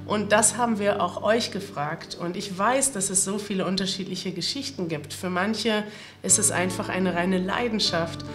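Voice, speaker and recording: Earnest woman host, heartfelt address, music bed behind. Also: medium pitch. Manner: earnest, emotional, reflective.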